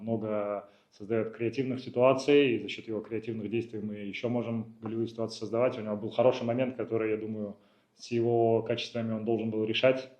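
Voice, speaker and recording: A man speaking as a football coach at a post-match press conference, measured and hesitant, often pausing with fillers. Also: on the low side, a little mellow. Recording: roomy, dull lo-fi sound.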